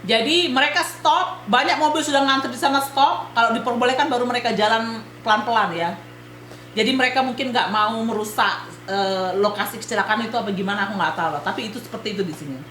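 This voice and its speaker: A woman from Indonesia, vlogging an animated personal story and talking straight to her viewers as friends. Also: on the high side, fast, echoey room, slight background noise. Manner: animated, retells events while addressing viewers as friends. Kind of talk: casual storytelling vlog.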